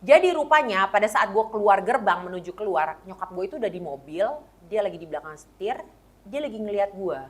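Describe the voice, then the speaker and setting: A woman's voice: medium pitch, animated, brisk. A woman, co-hosting a casual chat and telling a story animatedly, acting out the quotes. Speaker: co-host.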